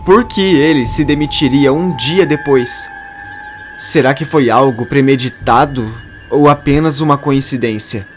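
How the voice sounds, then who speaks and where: Brief: man voicing young soap heroine, grieving and resolute, unhurried reading. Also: mid-range voice, soft background music, pitched above the performer's own voice, natural voice. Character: young woman, grieving and determined daughter.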